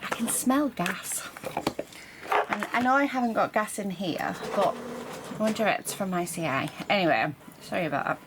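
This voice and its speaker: A woman's voice: mid-range voice, lively intonation, normal speed. A British woman casually chatting and thinking aloud as she demonstrates a craft, in the manner of a hands-on vlogger. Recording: clear background noise. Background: printer running in the background in part.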